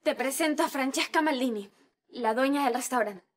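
A flustered young chef. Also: female voice, high-pitched. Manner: nervous, hurried, stammering.

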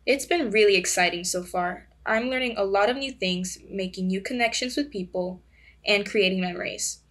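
A woman's voice: medium pitch, moderate pace, a bit bright. A teenage girl who is a guest on a student podcast, friendly and slightly nervous. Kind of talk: podcast interview.

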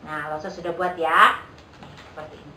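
A woman's voice: sits low, steady tone, normal speed, pushed and bright, distant mic, slight background noise. A woman leading a children's Sunday school lesson, patient and coaxing, often checking that the kids follow along. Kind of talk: children's lesson over video. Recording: echoey room, voice a bit off-mic.

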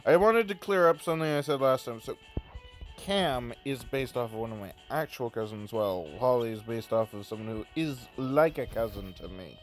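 A man hosts a casual let's play in a medium-pitched voice. He rambles and breaks off his own sentences, recording on a phone with game music behind him. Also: normal speed. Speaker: gaming let's play host.

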